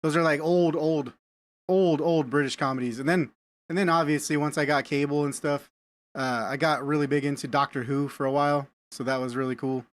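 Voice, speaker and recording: A man's voice: on the high side, fairly even intonation, brisk. A man live-streaming a game, chatting casually with viewers and often repeating words as he thinks aloud. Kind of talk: casual live-stream chat while gaming.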